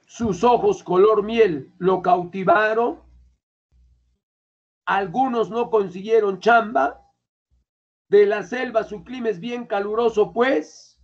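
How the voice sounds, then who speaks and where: High-voiced teacher quizzing students. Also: male voice, slow, long pauses. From Peru. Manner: colloquial, keeps quizzing students. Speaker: language teacher. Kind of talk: classroom lecture. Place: classroom. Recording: dull lo-fi classroom recording.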